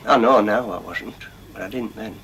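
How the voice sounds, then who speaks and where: A man's voice: fairly low pitch, normal speed, gravelly, a bit bright, slight background noise. A man, a coal miner talking plainly for an old documentary, his broad local speech full of little asides. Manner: plain-spoken, broad local speech, nervous before going on. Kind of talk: documentary interview.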